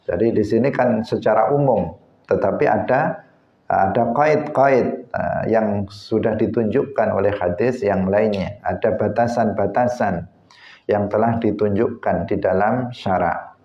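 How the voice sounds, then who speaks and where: A man gives a religious lesson in a low voice, unhurried and filling pauses with "eh". The recording is echoey and dull. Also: dark tone. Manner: unhurried, many "eh" fillers, acts out greetings. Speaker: religious teacher. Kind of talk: hadith study lesson.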